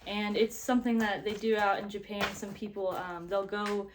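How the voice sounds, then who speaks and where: A woman's voice: mid-range voice, level tone, normal speed, a little hiss or hum. A woman vlogging casually to camera, upbeat and chatty, with lots of fillers and a slightly breathless sounding voice.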